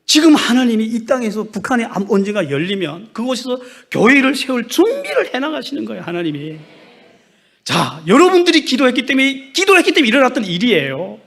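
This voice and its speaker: A man's voice: very high voice, big pitch swings, fairly quick, a bit bright. A man giving an emphatic testimony sermon as a missionary preacher, putting rhetorical questions to the congregation.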